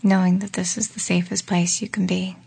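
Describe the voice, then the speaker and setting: A woman leading a guided relaxation exercise in a slow, soft voice that often drops into a whisper. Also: on the low side, little pitch movement, creaky, breathy edge. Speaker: meditation guide.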